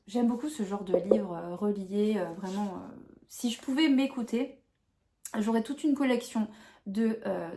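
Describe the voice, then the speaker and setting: A woman's voice: mid-range voice, darkish tone. A young adult woman chatting casually to camera about her coloring books, talking with frequent fillers and restarts.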